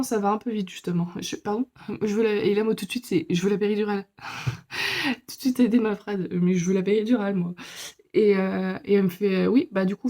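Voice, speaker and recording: A young woman tells her story in a loose, chatty way, filling her sentences with little pauses and asides. Her voice is warm and mellow, sitting at an ordinary middle pitch. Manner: chatty, many fillers, lively retelling with laughs. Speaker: vlogger. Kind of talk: casual storytelling.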